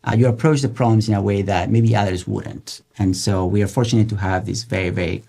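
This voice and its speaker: A man's voice: lowish voice, fairly even intonation, brisk, creaky, mellow. A middle-aged man from Colombia, a guest researcher in an interview, talking with enthusiasm, many restarts and "right?" tags. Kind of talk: casual interview talk.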